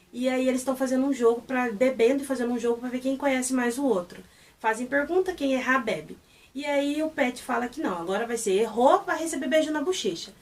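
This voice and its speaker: A woman with a Brazilian accent hosting a casual review vlog, retelling a story in an excitable, gushing way. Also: fairly high pitch, recorded from a distance. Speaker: channel host reviewing a series.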